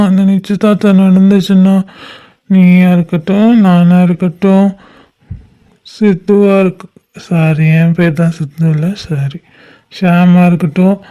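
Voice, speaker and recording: Woman voicing a heartbroken drunk young man, cartoon, brooding, smooth, monotone, lo-fi. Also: medium pitch, close to an everyday voice. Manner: brooding, flat, reproachful. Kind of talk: homemade cartoon voice acting.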